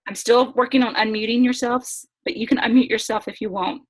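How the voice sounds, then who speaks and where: A woman's voice: on the high side, steady tone, a little fast. A woman hosting a casual webinar over a video call, chatty and upbeat, often laughing. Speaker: host.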